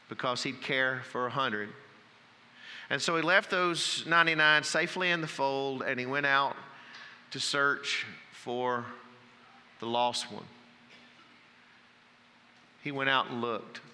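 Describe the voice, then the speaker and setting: A man preaching a sermon from the pulpit, telling folksy stories and dropping to a hush for emphasis. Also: mid-range voice, unhurried, long pauses, long reverb tail, slight background noise. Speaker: pastor. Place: church sanctuary.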